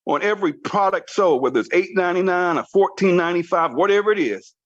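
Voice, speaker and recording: A man's voice: sits high, animated, quick pace, dry recording, highs cut off. A man leading a motivational team training call, urging and repeating his points with emphatic, preacher-like drive. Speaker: network marketing team trainer. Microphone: conference call line.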